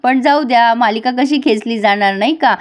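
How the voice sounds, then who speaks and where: A woman's voice: on the high side, moderate pace. A woman casually retelling a television serial's episode, chatting directly to her viewers. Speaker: serial recap narrator. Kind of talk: casual storytelling recap.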